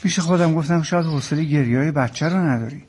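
An actor playing a calm husband who coaxes and reassures his tearful wife. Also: a little high, breathy edge. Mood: coaxing. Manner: soothing, coaxing. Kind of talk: TV drama acting.

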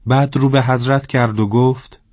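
A man narrating a story in a steady, scripted storybook style. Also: medium pitch, no echo, clean studio sound.

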